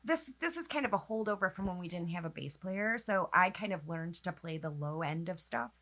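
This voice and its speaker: Band guitarist guest: American female, lowish pitch, informal, loose conversational delivery. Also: animated, brisk, a bit bright. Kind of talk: casual chat.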